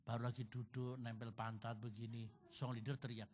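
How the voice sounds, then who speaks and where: A middle-aged male pastor preaching a sermon at a church service, telling humorous stories and loudly mimicking a song leader. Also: mid-range voice, flat delivery, moderate pace.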